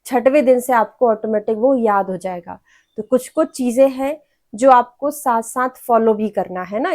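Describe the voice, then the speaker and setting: A woman's voice: sits high, darkish tone. A woman teacher giving an exam-prep lecture. She explains patiently, sounds out each syllable and has students repeat after her. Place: teaching room with a board.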